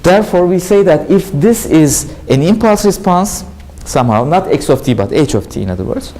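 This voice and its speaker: A university lecturer with a Turkish accent, a native Turkish speaker, giving a classroom lecture and often asking questions, then answering them himself. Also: male voice, fairly high pitch, animated, normal speed, dark tone, rough recording. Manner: explanatory, asks and answers his own questions. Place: lecture hall.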